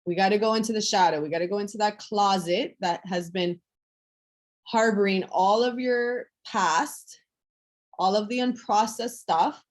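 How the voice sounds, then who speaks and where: Woman, coaching call, gentle, lingering, repeats words, mid pitch, video call. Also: unhurried. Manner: soft, affectionate, lingering over repeated words. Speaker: women's empowerment coach. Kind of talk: guided group coaching call.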